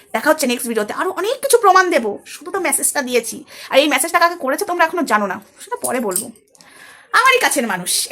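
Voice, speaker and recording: Fast, heated high-voiced woman vlogger. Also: pushed and bright. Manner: angry and scolding, addresses viewers as friends. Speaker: social media commentator. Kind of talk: heated commentary vlog.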